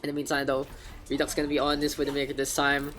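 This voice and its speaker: A woman's voice: sits low, monotone, fast talker, a bit bright, soft background music. A woman with a Filipino accent doing casual, joking live game commentary as a streamer. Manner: casual, joking, mixes English with Tagalog. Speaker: esports caster and streamer.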